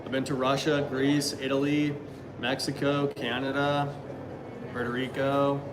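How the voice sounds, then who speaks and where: A man's voice: mid-range voice, flat delivery, a little slow, noisy background. A man in his thirties chatting casually on a live stream, answering viewers with rambling, hesitant talk full of fillers and restarts. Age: 30s.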